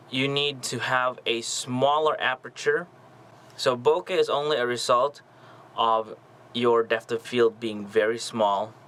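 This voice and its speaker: A man's voice: mid-range voice, fairly bright tone, low-quality recording. A young man hosting a casual photography tutorial, explaining camera settings and checking in often with the viewer. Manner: friendly, checks in with "okay?". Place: small home studio with lights.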